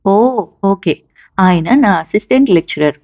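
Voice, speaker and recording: A woman's voice: mid-range voice, lively intonation, a little slow, muffled recording. A woman voicing a friendly, matter-of-fact middle-aged male professor. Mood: courteous.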